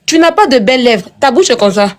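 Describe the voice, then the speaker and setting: A woman with an Ivorian French accent boasting about herself in casual banter on a phone live stream, repeatedly telling the other to calm down. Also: high-pitched, fast.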